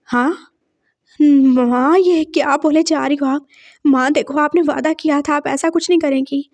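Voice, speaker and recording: A woman's voice: high-pitched, steady tone, unhurried, a little mellow. A woman reading out a vengeful young man. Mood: anxious pleading. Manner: bitter, threatening inner monologue. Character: young man, vengeful, sweet to his face.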